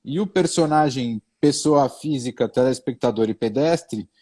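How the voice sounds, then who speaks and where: A slightly slow, medium-pitched and somewhat mellow voice carries a middle-aged Brazilian comedian's casual live-stream interview chat. Accented in Brazilian Portuguese, he hesitates, repeats himself, jokes wryly about himself, and slips now and then into pompous, old-fashioned language.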